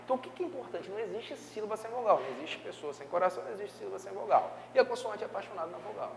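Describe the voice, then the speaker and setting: A Brazilian man teaching an exam-prep review class, lively and checking in often with his students. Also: high-pitched, racing, gravelly, big-room sound, a little hiss or hum. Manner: lively, peppers speech with tag questions.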